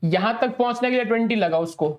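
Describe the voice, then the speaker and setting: A man's voice: very high voice, fast talker. A man with an Indian accent and a sore throat, teaching an exam-prep lesson and repeating steps, often asking for a yes or no. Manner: repetitive, asks for yes or no.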